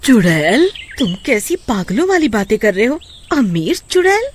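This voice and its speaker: A woman voicing an excitable, scolding village wife in a cartoon, shrill and exclaiming. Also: moderate pace. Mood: excited. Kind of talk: cartoon voice acting.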